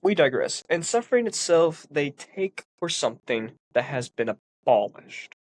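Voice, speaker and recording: A philosophy commentator, sounding congested and sniffly, reads a text aloud and explains it with earnest, emphatic stresses. His slightly high voice swings widely in pitch, and he takes his time.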